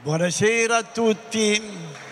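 Slow, playful bishop greeting a crowd. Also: male voice, sits high. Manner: playful, calling out questions to the audience. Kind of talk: greeting a large assembly. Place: large assembly hall. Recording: reverberant hall with crowd noise.

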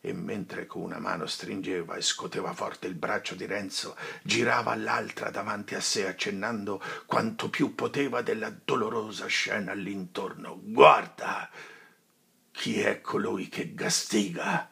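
A man in his sixties from Italy reading an audiobook in a slow, theatrical way. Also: on the low side, steady tone, vocal fry, pushed and bright, slightly rough. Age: 60s. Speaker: narrator. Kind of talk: audiobook narration.

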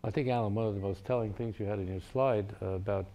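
An older man, a former ambassador, moderating a panel and telling an animated anecdote. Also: lowish voice, fast, gravelly. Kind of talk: panel discussion storytelling.

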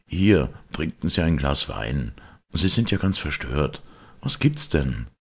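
Man doing a solemn middle-aged lawyer, urgent, very deep gravelly voice. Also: very animated, takes it slowly, a bit bright, exaggerated voice. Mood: urgent, concerned.

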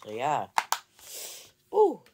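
A man's voice: a little high, huge pitch swings, drawn-out words, heavy background noise. A young man in a casual haul video, chatting and rambling with many fillers, recorded on a camera mic in a room at home. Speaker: movie collector vlogger. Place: indoor room with shelves of movies. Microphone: camera mic, seated facing camera.

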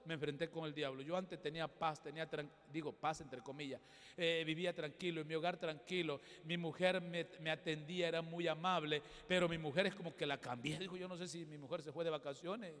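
A male pastor, preaching a sermon with emphatic swings between loud exhortation and quiet asides. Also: on the high side, steady tone, brisk. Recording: long hall reverb.

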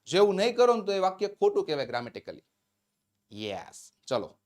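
A man with a Gujarati accent leads a live-streamed spoken English lesson, his voice sitting a little high. He is upbeat and encouraging, slowing right down to draw out each English phrase as he dictates it. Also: wildly swooping pitch, darkish tone. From Gujarat, India.

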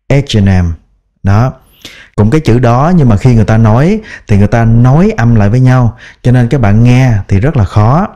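A man teaching English brand-name pronunciation in a patient, step-by-step lesson, repeating each word slowly. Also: mid-range voice, dark tone. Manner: drawn-out repeated example words, patient explaining. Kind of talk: slow instructional pronunciation lesson.

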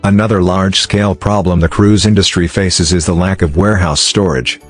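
With gentle music behind him, a man narrates a scripted explainer in a low voice, keeping a steady tone and a measured, formal delivery.

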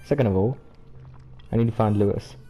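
A man's voice: on the low side, brisk, dark tone, soft background music. A man hosting a casual game playthrough, talking in a joking, informal way. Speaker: gaming host.

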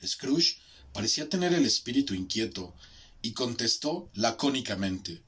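A man narrating a classic story slowly and deliberately as part of a group reading. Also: medium pitch, animated, fairly bright tone, husky. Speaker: volunteer reader. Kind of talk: audiobook narration.

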